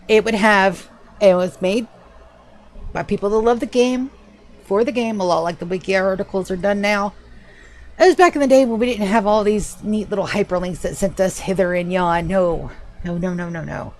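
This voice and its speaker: A woman in her forties chatting on a live game stream, rambling and wry, swearing casually. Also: medium pitch. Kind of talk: casual livestream chat.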